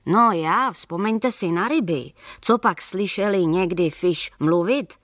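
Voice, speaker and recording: A woman's voice: on the low side, fairly bright tone, no echo, clean studio sound, lightly acted. A woman voicing a sly, poor older male peddler who talks in a wheedling way, mixing in German and Yiddish words.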